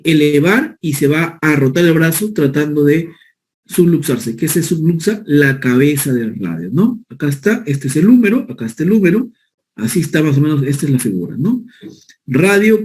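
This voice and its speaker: A man delivering a medical lecture in a mellow, somewhat high voice. He explains step by step and keeps checking that his listeners follow along. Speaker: physician lecturer.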